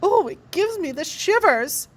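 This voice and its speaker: A smitten schoolgirl who coos every word, high and breathy with adoration, as a woman reading a storybook puts her on. She fawns and gushes, her voice lifting well above the reader's own. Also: very animated, a little slow, full character voice. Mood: gushing. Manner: cooing, breathy, fawning. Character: gushing young schoolgirl with a crush.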